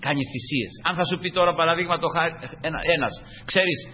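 A man's voice: fairly high pitch, in a large hall, muffled recording, slight background noise. A man preaching a fervent sermon, often addressing his listeners as brothers.

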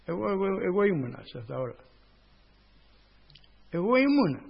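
An older male priest preaching a sermon with a raspy voice, punctuating it with repeated doxologies. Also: high voice, big pitch swings. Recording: dull lo-fi recording with long reverb.

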